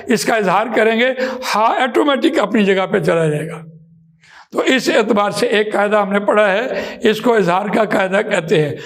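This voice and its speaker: A man teaching Quran recitation in a slow, patient lesson, drawing out vowels and words to demonstrate them. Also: sits high. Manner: patient, repeats points with examples.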